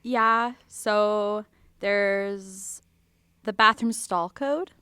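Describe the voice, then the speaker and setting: Bright, excitable American woman. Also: medium pitch, drawn-out words, smooth, dry recording. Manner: excitable, laughs often, swears freely. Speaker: podcast co-host. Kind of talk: casual chat.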